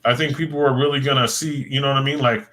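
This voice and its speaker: Hosting a late-night livestream, a man chats casually, rambling and repeating himself as he names and thanks viewers. His mid-range voice is fast, sharp and fairly even in intonation, but he is losing it and it sounds worn and fading.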